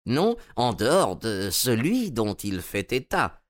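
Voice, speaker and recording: A man's voice: medium pitch, sing-song, slow. A man voicing a timid elderly male collector, meek, polite and a little stammering.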